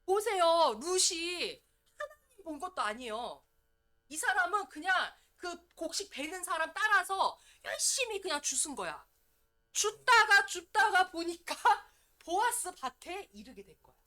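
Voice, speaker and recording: A woman evangelist preaching in a church, in a lively, conversational way. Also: very high-pitched, a little slow. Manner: lively, conversational preaching, often acting out prayers. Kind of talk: sermon. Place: church sanctuary.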